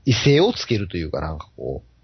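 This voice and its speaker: A man with a Kansai accent in casual podcast chat, animated and teasing. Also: sits low, fast talker, husky, dry recording. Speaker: podcast co-host. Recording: dull lo-fi podcast audio.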